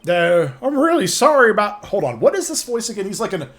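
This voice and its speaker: Man, high voice, lively intonation, casual game stream banter, voices characters. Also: a little fast.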